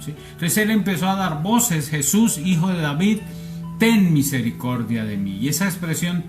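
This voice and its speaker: Colombian pastor, man, higher-pitched, emphatic repetitive sermon delivery, faint music underneath. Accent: Colombian Spanish. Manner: repetitive preaching with rising, emphatic calls. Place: church livestream. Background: faint instrumental music.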